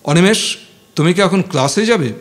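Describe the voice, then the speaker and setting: A man voicing a calm, frugal male party organiser who talks in an unhurried, measured way. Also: sits high.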